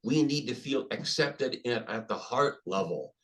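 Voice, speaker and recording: An older man, a podcast guest, speaking emphatically and telling stories with animated restarts. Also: medium pitch, a little slow, poor audio. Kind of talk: conversational interview storytelling.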